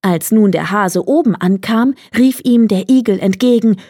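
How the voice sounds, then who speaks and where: A woman reading a fairy tale aloud as storyteller, in a calm, measured manner. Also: mid-range voice, dry recording, studio quality.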